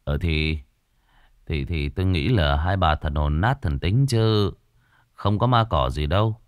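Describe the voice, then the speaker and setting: A man's voice: lowish voice, big pitch swings, a little fast, dry recording, clean studio sound. A man voicing a skeptical young man who teases his friends. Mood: reassuring. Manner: teasing, mocking.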